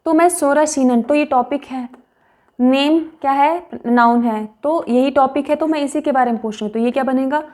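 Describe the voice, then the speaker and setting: A woman teaching a language lesson, explaining patiently and repeating example phrases slowly, syllable by syllable. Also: high-pitched, dark tone.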